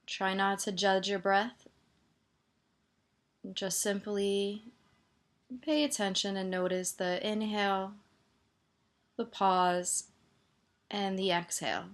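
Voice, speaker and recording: In a mid-range voice with fairly even intonation, a woman meditation teacher gently talks through a body scan. She sounds soothing and pauses between instructions.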